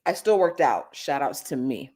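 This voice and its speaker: A woman, hosting a live chat show and telling casual stories with big swings in pitch. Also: lively intonation, normal speed, darkish tone. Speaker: host. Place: Los Angeles.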